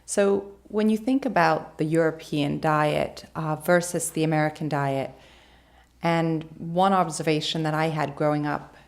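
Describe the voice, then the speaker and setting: A woman's voice: deep voice, fairly even intonation, a little slow, gravelly. A woman from Switzerland hosting an interview, asking curious questions with personal asides. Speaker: host.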